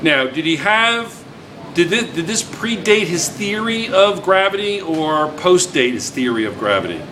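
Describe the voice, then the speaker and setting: In a noisy classroom recording, a male physics teacher chats and teases as he teaches, repeating what his students answer. His fairly high voice has a sing-song lilt and moves a little slowly.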